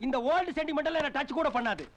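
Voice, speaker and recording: A man playing a sharp-tongued middle-aged uncle in a film comedy, firing off sarcastic insults. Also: very high-pitched, fast, lo-fi sound, very noisy.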